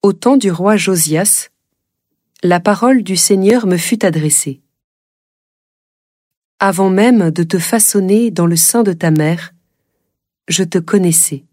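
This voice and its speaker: A woman reading a scripture passage aloud in a slow, deliberate way. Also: lowish voice, a little mellow, dry recording, clean studio sound. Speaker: scripture reader.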